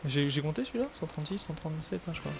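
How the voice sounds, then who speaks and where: A man's voice: fairly high pitch, animated, very fast, vocal fry, over music. A man chatting casually on a gaming stream, rambling with lots of fillers.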